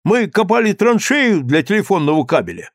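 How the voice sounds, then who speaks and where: A man voicing a brisk, eager young army lieutenant in an audiobook story. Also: high voice, sing-song, dry recording, clean studio sound, voice pushed up. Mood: excited.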